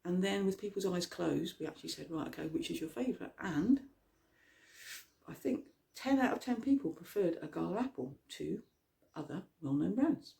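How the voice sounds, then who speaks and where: A guide leading a mindful eating exercise at home, asking gentle, slow questions and sometimes talking while chewing. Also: mid-range voice, animated, vocal fry, a little hiss or hum. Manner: talks while chewing at times. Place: at home with a cat nearby.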